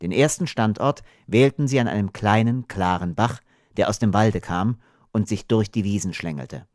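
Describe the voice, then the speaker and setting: A man reading an audiobook novel aloud in calm, even scripted narration. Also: on the low side, moderate pace, no room sound, clean studio sound.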